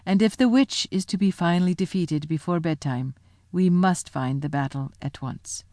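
A woman voicing a majestic male lion who gives commands, booming at first and then low and steady. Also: moderate pace, no room sound, studio quality, close to an everyday voice. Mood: commanding.

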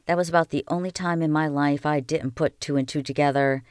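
A reader narrating a novel aloud in a calm, even storytelling manner. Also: mid-range voice, fairly quick, clean tone, no room sound, clean studio sound. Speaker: audiobook reader.

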